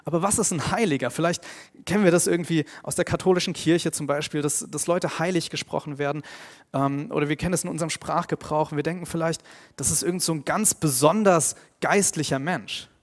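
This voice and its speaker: A man preaching a sermon in an earnest tone, growing emphatic on his main points and dropping quiet and slow on key phrases. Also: a little high. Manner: earnest, grows emphatic and louder when stressing points.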